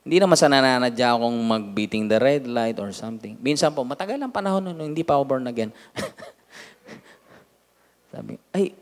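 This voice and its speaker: Filipino pastor man preaching, goes loud then hushed, cracks jokes, big hall echo. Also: mid-range voice, fast talker. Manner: lively preaching, swinging from loud to hushed, joking asides. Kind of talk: sermon. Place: church hall. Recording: long hall reverb.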